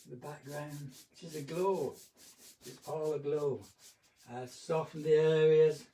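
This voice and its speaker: A man giving a relaxed, rambling painting demonstration as an art instructor, often correcting himself. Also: a little high, takes it slowly, far from the mic. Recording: roomy echo, off-mic.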